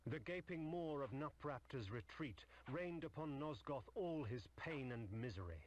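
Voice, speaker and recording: A man's voice: medium pitch, animated, measured pace, natural voice. Brooding, sardonic male vampire narrator for a game cutscene, acted by a man; grim and solemn.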